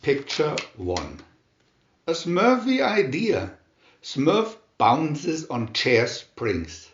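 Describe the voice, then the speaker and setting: The narrator of this children's storybook is a man with a fairly high voice who draws out his words, deliberately taking his time on each phrase. His intonation is lively and expressive, and the recording sounds slightly muffled, as if in a reverberant room.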